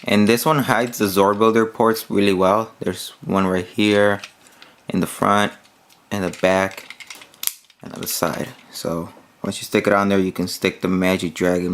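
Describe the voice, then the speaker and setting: A man's voice: low voice, creaky, slight background noise. A man giving a casual, hands-on toy review, rambling with many fillers while he demonstrates the pieces.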